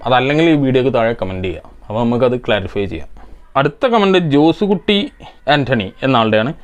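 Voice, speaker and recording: Brief: male electronics repair host from India, quick and methodical, smooth clear voice. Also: medium pitch. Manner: methodical, explains step by step. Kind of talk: answering viewer comments, technical explanation.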